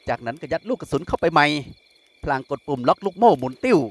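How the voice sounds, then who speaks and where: A man's voice: a little high, sing-song, quick pace. Man reading a novel aloud. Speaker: audiobook narrator. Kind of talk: scripted narration of a novel.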